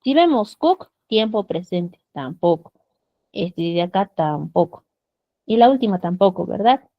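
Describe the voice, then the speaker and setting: A woman's voice: fairly low pitch, lively intonation, a little slow, no room sound, highs cut off. A woman teaching an English grammar class online in Peruvian Spanish, patiently checking understanding with frequent tag questions. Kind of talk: online class over video call. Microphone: computer mic on a video call.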